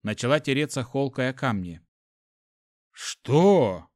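A man reading a first-person audiobook in an even, matter-of-fact way on a close studio mic. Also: medium pitch, moderate pace, dry recording. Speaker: audiobook narrator.

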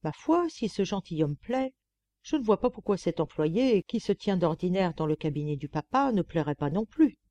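A woman's voice: lowish voice, very animated, normal speed, warm tone, dry recording. A woman voicing a gossipy, pampered female lapdog who writes confiding, mocking letters, in an audiobook reading. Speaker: audiobook reader. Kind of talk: audiobook narration.

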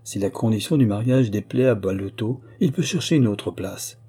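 A man reading the lines of a calm, kindly and authoritative old prince in an audiobook, speaking evenly and quietly commanding. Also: fairly low pitch, normal speed, slightly rough. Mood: calm authority. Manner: even, quietly commanding delivery.

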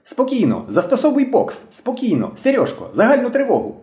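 A man voicing an excitable thin boy who leads a pioneer squad, shouting orders in a high voice in an audiobook reading. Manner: shouting fast, high-pitched, bossy. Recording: roomy echo.

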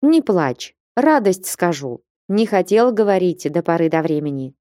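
Hot-tempered old merchant father, commanding and blustering; a woman reads him in a mellow, dry storybook voice. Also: on the low side, very animated, measured pace, dry recording. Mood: coaxing. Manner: commanding, blustering, shouting in anger.

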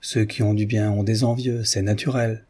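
Sly peasant woman, falsely humble, quiet and low; a man voicing her. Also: flat delivery, moderate pace. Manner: quiet, smooth, insinuating. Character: sly calm peasant woman, feigning humility.

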